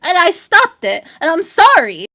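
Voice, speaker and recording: A young adult woman live-streaming, talking straight to her chat in a blunt, profane, rambling rant, at times shouting and often apologizing. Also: very high-pitched, wildly swooping pitch, unhurried. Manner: profane, blunt, swears constantly. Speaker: livestreamer.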